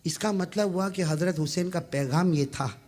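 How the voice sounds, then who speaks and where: A man from Gujarat preaching an emotional sermon, swinging from quiet talk to impassioned shouting and urging the crowd to answer back. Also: high voice, normal speed. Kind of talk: emotional sermon to a live gathering. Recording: long reverb from a large hall.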